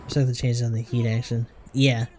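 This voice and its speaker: A man's voice: medium pitch, little pitch movement, a little fast, very noisy. A man giving casual let's play commentary, laughing and swearing at the game. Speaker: gaming video creator.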